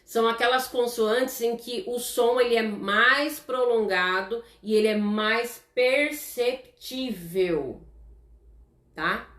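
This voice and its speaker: Teaching live online, a Brazilian woman talks in a slightly high, fairly bright voice with a roomy quality. She takes her time explaining things patiently, chats with viewers in her Brazilian Portuguese accent, and keeps asking "tá?" to make sure they follow.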